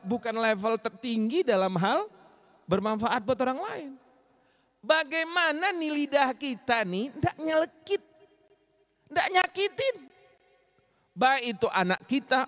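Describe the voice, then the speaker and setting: A man from Medan with a Medan accent, giving a lively mosque sermon that swings between loud punches and low asides. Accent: Medan Indonesian. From Medan, Indonesia. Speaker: preacher.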